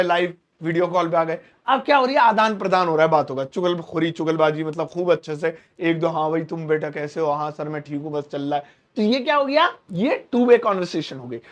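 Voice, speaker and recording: Male English teacher, high voice, quizzes himself aloud, drags out example phrases slowly. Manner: asks questions and answers them himself; slows down to spell out English phrases. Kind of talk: spoken English lesson explained in Hindi. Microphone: speaking to camera.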